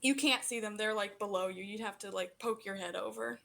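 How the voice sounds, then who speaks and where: A woman's voice: medium pitch, fairly quick, gravelly, a bit bright. A woman as game master, narrating a tabletop game and voicing its characters in quotes. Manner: voices the mother and villain in quotes while narrating.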